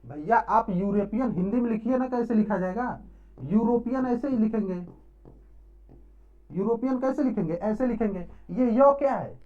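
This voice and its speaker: A man's voice: high-pitched, lively intonation, normal speed. A man teaching an English grammar lesson, asking questions and answering them himself with frequent short check-ins. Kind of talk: classroom-style grammar lesson. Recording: dull lo-fi recording.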